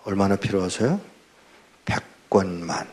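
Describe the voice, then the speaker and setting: An older male pastor giving a testimony sermon, telling his story in an animated way and acting out the dialogue. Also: sits low, unhurried.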